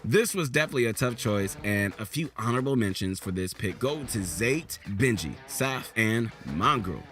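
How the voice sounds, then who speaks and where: A man's voice: lowish voice, animated, normal speed, a bit bright, soft background music. A man hosting a scripted gaming countdown as a coach, talking in a hyped, motivational, slangy way. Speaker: host and coach.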